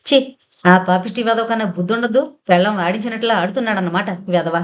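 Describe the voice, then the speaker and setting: Lady doing a hot-tempered young sister, sharp tongue, sarcastic, audio novel voice. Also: medium pitch, fast, close to an everyday voice. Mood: angry. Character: fiery young woman Vijaya, quick-tempered elder sister.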